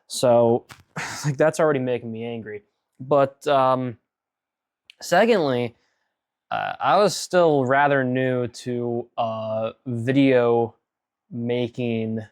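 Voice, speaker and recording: A man talking through his own old video in a slow, unhurried ramble, full of fillers. He picks at his past mistakes as he goes, with a voice of ordinary middle pitch. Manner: rambling and self-critical, many fillers. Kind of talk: casual director's commentary.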